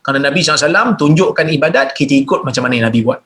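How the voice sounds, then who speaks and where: A man with a Malaysian Malay accent reading out listeners' questions and answering them in a religious Q&A lecture, explaining plainly and jumping up in pitch to stress points. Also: racing, a bit bright. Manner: reads questions aloud then explains plainly.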